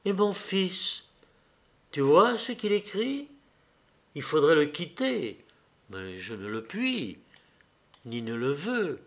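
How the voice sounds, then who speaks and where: A man's voice: a little high, sing-song, slow pace, pauses often, full character voice. A man reading the part of an anguished, proud woman torn by love, his voice trembling and pleading.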